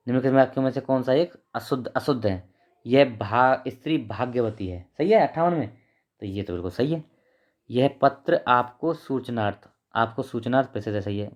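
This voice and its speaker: A man teaching an exam-prep lesson, reading each option aloud, correcting the spelling and trailing off quietly as he closes each answer. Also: medium pitch.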